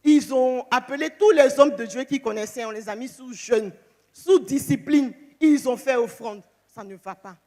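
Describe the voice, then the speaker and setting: A woman giving an emotional church testimony, animated, acting out the phone calls she tells about. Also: high voice, normal speed, big-room sound.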